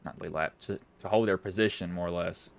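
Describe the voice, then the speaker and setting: A man with a Southwest Virginian accent calls an online sim race in casual play-by-play, his low voice brisk and gravelly. He rambles, corrects himself, and talks to himself between calls.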